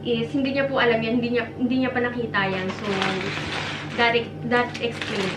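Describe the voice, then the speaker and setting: A woman's voice: fairly high pitch, normal speed, heavy background noise. A woman from the Philippines telling a story in a casual vlog, chatty and talking straight to her viewers. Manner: chatty, addresses viewers as guys, mixes in English. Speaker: vlogger. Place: home. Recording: roomy echo, distant mic, faint ambience.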